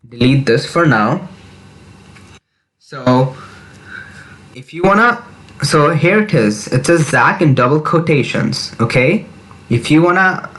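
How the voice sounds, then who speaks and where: A young man narrates a beginner coding tutorial at an unhurried, deliberate pace. His voice sits at an ordinary middle pitch. He talks through every step aloud and keeps reassuring the listener that it is all simple. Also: a bit bright. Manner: repetitive, reassuring, walks through steps aloud. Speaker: programming tutor. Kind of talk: screen-recorded coding tutorial.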